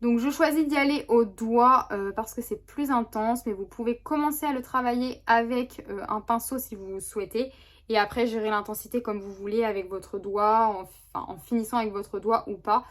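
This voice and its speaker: A woman's voice: a little high, normal speed. A woman talking casually through a makeup tutorial, chatty and rambling with many fillers and restarts. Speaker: beauty vlogger. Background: neighbor's lawnmower.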